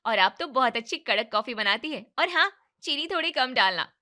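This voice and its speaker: In an animated story, a woman with a high-pitched voice plays a lazy, demanding young wife, speaking at a normal speed. The character barks orders in a bossy, entitled manner.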